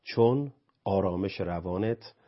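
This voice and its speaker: On a muffled recording, a low-pitched man who teaches anger management lays out his ideas in a talk-show conversation. He keeps posing rhetorical questions and answering them himself, growing emphatic as he lists examples.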